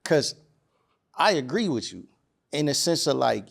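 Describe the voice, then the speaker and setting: A man's voice: a little high, sing-song, unhurried, gravelly, breathy edge. Casual man rambling in a podcast chat. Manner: rambling, restarts often, emphatic when making a point. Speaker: podcast host. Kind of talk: casual studio conversation. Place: podcast studio.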